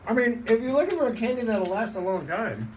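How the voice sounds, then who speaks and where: Middle-aged dad talking while sucking candy. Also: male voice, high voice, expressive, brisk, distant mic, lo-fi sound. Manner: joking, upbeat product verdicts. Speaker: dad hosting a family candy taste test. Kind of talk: casual family chat. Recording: noisy home recording.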